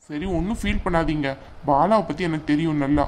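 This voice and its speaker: Cartoon role: easygoing young man, lowish voice, voiced by a woman. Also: fairly quick, darkish tone, slight background noise, natural voice. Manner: reassuring, easygoing. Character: young man, calm, soothing fiancé. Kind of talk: cartoon voice acting.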